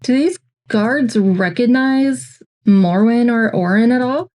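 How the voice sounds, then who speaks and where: A woman playing in a tabletop game, speaking softly and asking questions. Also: a little high, slow. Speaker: player.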